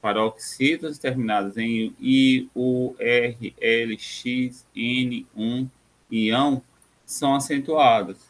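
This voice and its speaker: A Brazilian man with a Brazilian Portuguese accent teaches a recorded grammar lesson at a mid pitch. He pauses often on fillers. He spells out his example words slowly and carefully. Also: fairly even intonation.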